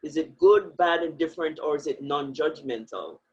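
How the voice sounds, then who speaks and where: A woman's voice: low-pitched, expressive, moderate pace, darkish tone, husky. A woman speaking as a guest in an interview, talking earnestly and with emphasis, often breaking into laughter. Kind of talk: reflective interview talk. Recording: muffled lo-fi audio.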